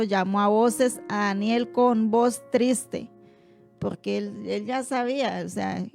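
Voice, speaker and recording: Slow, measured woman reading scripture. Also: fairly high pitch, creaky, a little mellow. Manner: measured, deliberate reading with brief affirmations.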